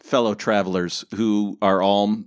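A man's voice: fairly low pitch, little pitch movement, measured pace, clear, resonant tone. A man from the American Midwest, a podcast co-host, chatting casually and joking. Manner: joking and teasing. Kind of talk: casual conversation.

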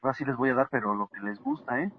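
A man's voice: mid-range voice, racing, breathy edge, narrow, tinny audio. A man with a Mexican accent, bantering with friends while gaming and giving mock-solemn speeches. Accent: Mexican Spanish. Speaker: gamer with friends.

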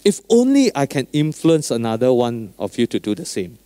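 A man preaching an informal sermon as a pastor, in a Singaporean or Malaysian accent with colloquial Singlish phrasing and particles, telling stories in an animated way. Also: mid-range voice, normal speed, no room sound. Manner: animated storyteller, acting out dialogue.

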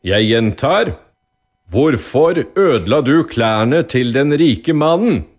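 A man playing a stern, short-tempered judge in a storybook radio play, a little higher and much louder than his narrating voice. He presses his questions hard and sounds fed up. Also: big pitch swings. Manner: loud, demanding questions. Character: stern, irritated male judge.

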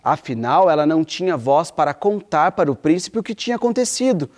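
A woman reading a fairy tale aloud for children, expressive and fond of repeating phrases for effect. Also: low-pitched, fairly quick. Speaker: children's storyteller. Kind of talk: storytelling for children.

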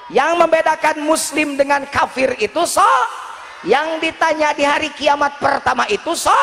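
Brief: male preacher, very high gravelly voice, shouty and joking, long hall reverb. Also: a little hiss or hum. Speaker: Islamic preacher. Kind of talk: sermon.

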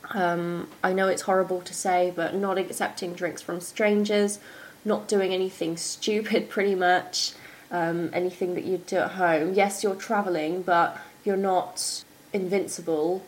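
A woman's voice: fairly low pitch, steady tone, a little slow, slight background noise, low-quality recording. Young woman hosting a chatty podcast. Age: young adult. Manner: chatty, informal, explanatory. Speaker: podcast host. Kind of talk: upbeat morning-show style podcast presenting.

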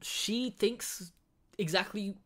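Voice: mid-range voice, slow pace. A guest host on a casual film podcast, giving an enthusiastic, analytical breakdown of a movie's craft. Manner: animated, switches into mimicking characters.

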